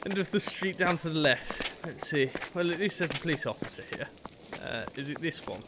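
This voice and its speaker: A man's voice: fairly high pitch, expressive, a little fast, background noise. A man with a British accent giving casual, exclamatory gameplay commentary with mock-outraged asides. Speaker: game streamer.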